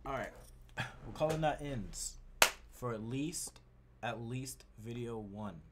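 A man's voice: mid-range voice, takes it slowly, background noise. A man hosting a casual gaming session with a friend, laughing constantly, swearing and cheering during play. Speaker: gaming channel host.

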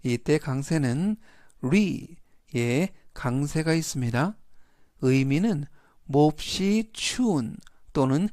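A man leads a scripted vocabulary lesson, pronouncing each English word and example with slow, careful emphasis. His voice sits a little high and the recording is dry and close, with no room sound. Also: expressive, a little mellow, no room sound.

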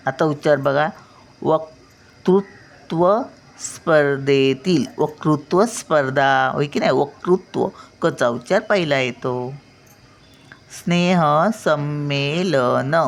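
Older woman, patient teacher, gravelly and unhurried, stretches out syllables to demonstrate sounds. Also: deep voice. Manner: slowly drawing out syllables to show pronunciation. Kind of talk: spelling and pronunciation lesson.

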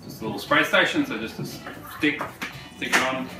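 A man, a woodworking host who explains a project in a relaxed, chatty way with fillers. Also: medium pitch, fairly quick. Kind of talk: casual how-to narration. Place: large home workshop, indoors. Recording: roomy workshop sound, mic at a distance, music under the voice. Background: background guitar music.

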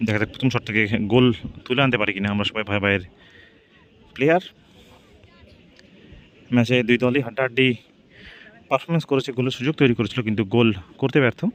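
A man calls a football match at a quick clip. He works as a play-by-play commentator, often repeating names and phrases. His pitch sits in an ordinary middle range for a man. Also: steady tone. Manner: repeats team names and phrases while following each shot. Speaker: football commentator and channel host.

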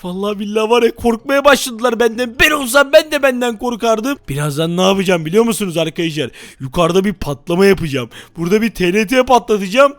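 High-voiced, blustering gaming man. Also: expressive, quick pace, few pauses, no room sound. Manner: shouty, blustering when acting angry; chummy asides to viewers. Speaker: gaming YouTuber. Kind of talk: Minecraft role-play with commentary.

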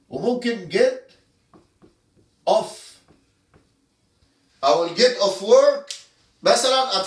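A man's voice: sits high, fairly bright tone, echoey room, recorded from a distance. A man with an Egyptian Arabic accent teaching English words, explaining step by step and checking that his students follow. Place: indoor room, moving around while teaching.

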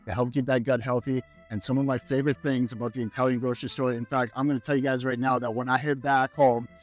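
With a medium pitch and level tone, this Canadian man in his thirties talks fast while walking through a grocery store. The fitness vlogger, on a lapel mic, is chatty and upbeat, addressing the camera with fillers over faint background music in a casual vlog.

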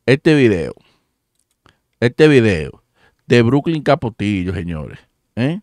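Comentarista de voz seca. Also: male voice, medium pitch, big pitch swings, slow, darkish tone, dry recording, studio quality. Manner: pointing things out to viewers. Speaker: commentary show host. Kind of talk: reaction commentary.

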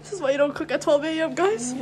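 A woman's voice: high-pitched, fast talker, a little mellow. Giggly young woman vlogging in a kitchen. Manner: giggly, playful, talks straight to camera. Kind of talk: casual vlog chat with friends. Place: home kitchen at night. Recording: noisy home phone recording.

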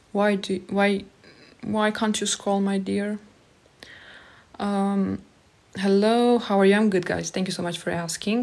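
A woman's voice: mid-range voice, a little mellow. A young woman with a Moldovan accent, a native Romanian speaker, chats casually into a phone held close. She reads viewer comments aloud and answers each one in a friendly, chatty way. The sound is a close phone mic in a small room at home. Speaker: live streamer. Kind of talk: casual live-stream chat reading comments aloud. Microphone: phone held close at arm's length.

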